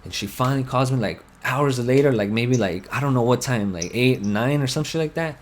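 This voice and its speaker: Young guy on a headset venting in game chat, swears a lot, rambles on, mid-pitch voice. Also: a little fast, slight background noise. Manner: rambling, profane, heated storytelling. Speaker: gamer telling a personal story. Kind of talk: casual chat over game voice chat.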